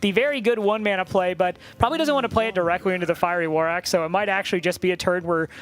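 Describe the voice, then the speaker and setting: Fast-talking high-voiced male caster. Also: a bit bright. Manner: fast, joking banter. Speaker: esports caster. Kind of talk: play-by-play commentary.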